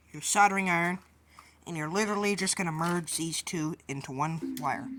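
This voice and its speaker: A woman hosting a DIY video gives a casual, hands-on tutorial in an informal, offhand and colloquial manner. Her voice is fairly low with a sharp tone. The recording is clear, though background noise with clicks can be heard.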